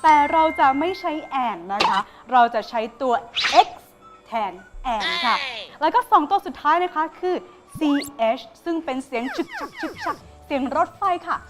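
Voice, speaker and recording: A young woman with a high, bright pitch teaches an English pronunciation lesson. She sounds cheerful and playful and explains it step by step. Clear music plays under her voice. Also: big pitch swings, a little slow. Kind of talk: lively classroom lesson.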